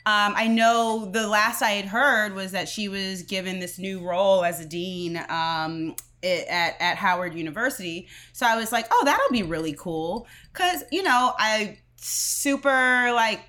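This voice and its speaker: Chatty bright-voiced woman co-host. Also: mid-range voice, unhurried, hardly any pauses. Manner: chatty, many fillers, laughs often. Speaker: podcast co-host. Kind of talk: casual chat.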